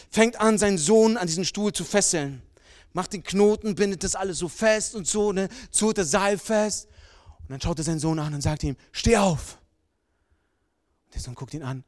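A man preaches a sermon in a high voice, telling stories with emphasis and a casual, everyday way of speaking. The sound is close and dry, with little room echo. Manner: emphatic storytelling, colloquial.

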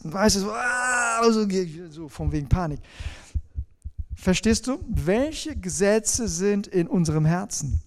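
A man preaching a sermon in a conversational way, asking his listeners questions and slowing down on key phrases. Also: on the high side, mellow.

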